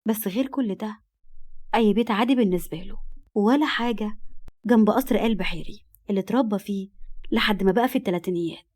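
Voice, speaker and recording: A woman's voice: medium pitch, fast talker, a little mellow. A woman with an Egyptian accent narrating a dramatized story and acting out its dialogue. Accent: Egyptian Arabic. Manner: acts out dialogue, heated in angry scenes.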